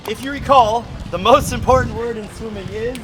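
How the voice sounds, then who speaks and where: A man's voice: very high voice, fairly quick. A man in his thirties coaching a group through a demonstration outdoors at a swimming pool, projecting his instructions. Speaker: swim coach and presenter. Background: background music.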